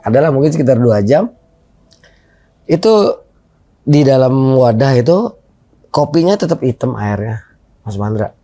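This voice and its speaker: A man's voice: medium pitch, a little slow, pauses often. A middle-aged man, telling a personal anecdote as a guest in casual conversation and acting out the dialogue in it. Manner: animated, re-enacts dialogue in his story. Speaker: guest storyteller.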